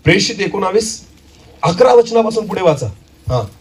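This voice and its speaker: Marathi pastor, loud animated preaching. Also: male voice, normal speed, far from the mic, slight background noise. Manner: rhetorical questions, urging the congregation to answer; swings between shouting and quiet low phrases. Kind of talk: sermon.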